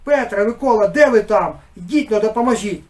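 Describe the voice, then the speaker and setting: A man's voice: high voice, fairly quick, voice pushed up, close to an everyday voice. Man doing a bellowing village council head. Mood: pleading. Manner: shouting, commanding. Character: flustered middle-aged village council head, bellowing orders.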